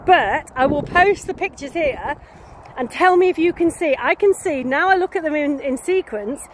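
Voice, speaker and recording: A woman's voice: sits high, lively intonation, normal speed, a little hiss or hum. A woman chatting outdoors in a rambling, self-mocking daily vlog, laughing often. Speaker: vlogger.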